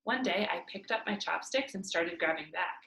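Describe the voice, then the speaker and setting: At home by a fireplace, a woman reads a children's novel aloud expressively as a storyteller. Her voice is on the low side, animated and sharp, at a moderate pace, captured in a roomy home recording.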